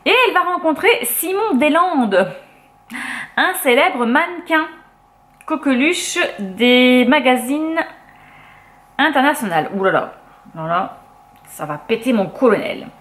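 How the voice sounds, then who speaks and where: A woman's voice: high voice, expressive, measured pace, long pauses, a bit bright. A young French woman chatting casually as a book vlogger, full of fillers and restarts. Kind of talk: casual chat.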